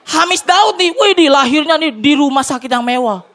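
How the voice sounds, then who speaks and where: A man from Jakarta with a colloquial Jakarta accent, performing a loud, excitable stand-up routine on a TV studio stage, bursting into shouted punchlines. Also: extremely high pitch, normal speed, some chatter behind. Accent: Jakarta colloquial Indonesian. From Tanjung Priok, Jakarta, Indonesia. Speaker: stand-up comedian. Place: TV studio stage with live audience. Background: audience laughter.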